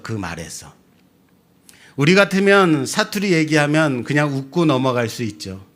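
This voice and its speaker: Pastor preaching to a congregation, lively pitch, measured pace, loud peaks and soft drops. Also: male voice. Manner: animated preaching with questions to the congregation; sudden swings between loud high emphasis and low quiet drops. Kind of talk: sermon.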